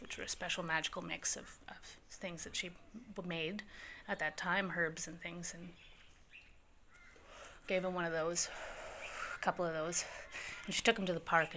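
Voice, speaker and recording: A woman spins a personal story in a bright, fairly low voice. She is casual and swears freely, springing into high, excited voices whenever she quotes someone. A faint room ambience sits under her voice. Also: slight background noise. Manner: animated, profane, jumps into high voices for quoted people.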